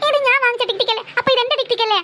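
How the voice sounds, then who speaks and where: A woman voicing a bossy, possessive cartoon girl who squabbles with her sister in a shrill, scolding, insistent manner. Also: rapid-fire, bright, forceful tone, no echo. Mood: indignant. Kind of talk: cartoon voice acting.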